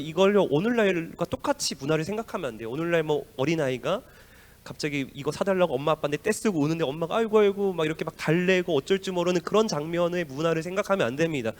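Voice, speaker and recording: A young man, a youth pastor, preaching an animated sermon to teenagers, swinging from loud exclamations down to near whispers and acting out the voices he quotes. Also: a little high. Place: church hall. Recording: long hall reverb.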